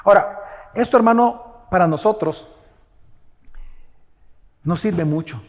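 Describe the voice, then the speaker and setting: A man preaches a sermon to his congregation and keeps putting questions to them. His voice sits high and stays emphatic as he presses his points. A long reverb from the church hall trails behind every line. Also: slow, highs cut off. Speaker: pastor. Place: church sanctuary.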